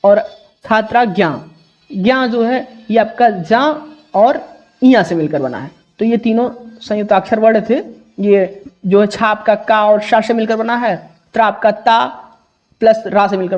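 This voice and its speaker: A man's voice: high-pitched, unhurried, dull audio. A male teacher solving an exam paper in a lesson, explaining step by step with many repetitions and self-corrections.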